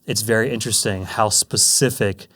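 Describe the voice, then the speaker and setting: A man's voice: on the low side, normal speed, bright, forceful tone. A man co-hosting a finance podcast, talking in an earnest, emphatic way with wry asides. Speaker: podcast co-host, financial planner. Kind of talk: casual podcast chat.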